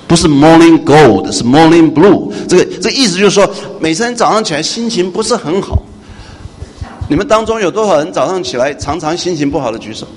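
A male pastor delivers a sermon to his congregation, often throwing questions out to them. His voice rises to ringing loudness and then drops low and confiding. The room carries a long echo, with a light hum of noise underneath. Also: fast. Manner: animated preaching that moves from hushed to loud and questions the congregation. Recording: echoey hall with faint noise.

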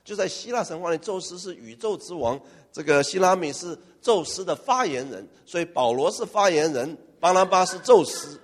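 A male pastor preaching a lively, humorous sermon and firing questions at his congregation. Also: high-pitched, normal speed, hardly any pauses. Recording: long church-hall reverb.

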